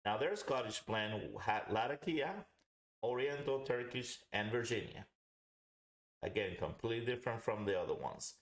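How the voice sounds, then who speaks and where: The host of a live pipe tobacco review, a man with a mid-range voice, talks at a moderate pace on a casual stream. His explanations ramble and he repeats himself for emphasis. The home recording sounds roomy with echo.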